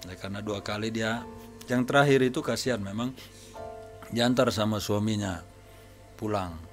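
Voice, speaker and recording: Low-voiced pastor telling stories. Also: male voice, moderate pace, soft background music. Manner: anecdotal storytelling, relaxed and conversational. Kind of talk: sermon testimony to a congregation. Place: church service.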